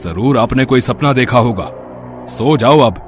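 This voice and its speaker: A man voicing a grown son in an animated horror story, speaking with an impatient, dismissive manner. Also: mid-range voice, a little slow, faint music behind, natural voice.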